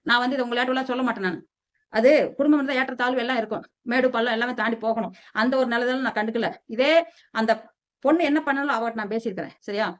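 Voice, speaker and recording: A woman's voice: a little high, very fast. A middle-aged woman vlogger from southern India, scolding and defiant as she rants to the camera about family gossip. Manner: heated, defiant, scolding, repeats "சரியா?". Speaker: lifestyle vlogger. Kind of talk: angry personal rant to camera. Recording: dull lo-fi audio.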